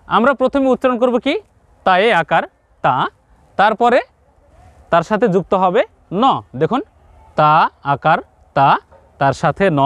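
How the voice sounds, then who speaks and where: A man with a high voice teaches Quran reading as a lesson, breaking every sound down slowly and repeating it. He speaks to his viewers directly and patiently. The recording is close and dry. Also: no room sound. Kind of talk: step-by-step lesson.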